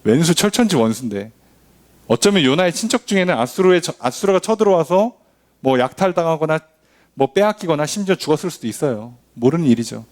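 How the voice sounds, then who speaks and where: A man's voice: lively intonation, fairly quick. A man preaching a sermon as a pastor, asking rhetorical questions and acting out quoted voices. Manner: acts out quoted voices, shifting pitch often. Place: church.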